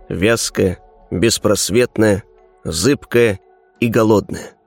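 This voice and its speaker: A man narrating a fantasy audiobook in first person, measured, with dramatic pauses between words. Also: fairly low pitch, a little mellow, no echo.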